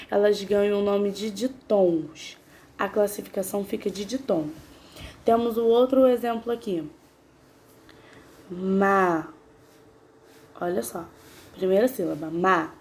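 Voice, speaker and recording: Her voice is mid-range and warm as she teaches a grammar lesson. She patiently sounds out each syllable slowly and puts questions to the class.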